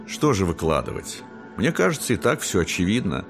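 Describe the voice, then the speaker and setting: A man doing a calm, gentle girl angel. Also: low-pitched, brisk, faint music behind. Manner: calm, soothing.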